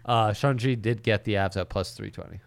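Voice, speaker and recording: A man's voice: fairly low pitch, a little fast, gravelly. An American man co-hosting a sports betting show, bantering casually with agreeable, slangy, often repeated short reactions.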